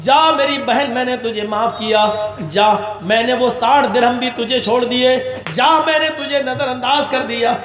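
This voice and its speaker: A man's voice: very high-pitched, steady tone, fairly bright tone. A man preacher voicing a remorseful young man who repents his sins, speaking in a trembling, imploring way. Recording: echoey hall reverb.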